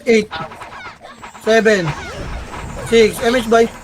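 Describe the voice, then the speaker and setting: A young man leading his squad in an online game, barking rapid repeated callouts and swearing when frustrated. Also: very high voice, fairly even intonation, background noise. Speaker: squad leader calling commands. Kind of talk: shouted game commands to a team.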